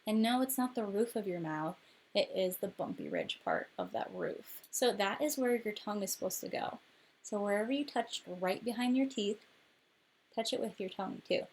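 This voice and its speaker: A woman's voice: medium pitch, sing-song, normal speed, a little mellow, slightly rough. A woman teaching a children's phonics lesson, patiently demonstrating each sound aloud.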